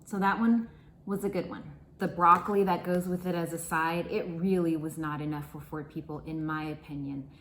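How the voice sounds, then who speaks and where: This woman's voice is low and a bit bright, with fairly even intonation and normal speed, as she cooks and tastes food in her home kitchen for a casual vlog. Chatty and self-deprecating, she talks while eating. The poor audio has a roomy sound and slight background noise.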